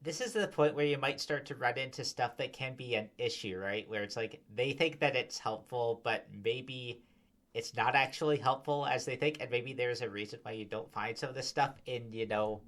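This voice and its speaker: A man speaks at his microphone in loose, rambling commentary, sighing and full of fillers like "like" and "you know". His voice sits at a middling pitch. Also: moderate pace, a bit bright. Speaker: commentary host. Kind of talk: exasperated casual commentary. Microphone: desk microphone.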